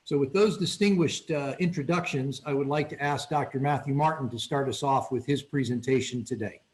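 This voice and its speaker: A man's voice: medium pitch, a little fast. Formal man moderating a medical panel.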